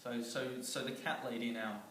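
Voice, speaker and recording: A man's voice: medium pitch, steady tone, moderate pace, fairly bright tone. Man spinning a rambling comic tale. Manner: rambling, chuckling, with many fillers and restarts. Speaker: storyteller. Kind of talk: comic improvised storytelling. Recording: echoey room, far from mic, noisy.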